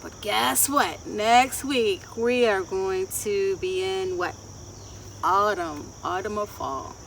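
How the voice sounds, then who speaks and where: In a wooded garden, a woman in her thirties who hosts children's story time and teaches about gardens asks young kids questions in a lively sing-song voice of fairly high pitch. Insects chirr clearly in the outdoor background.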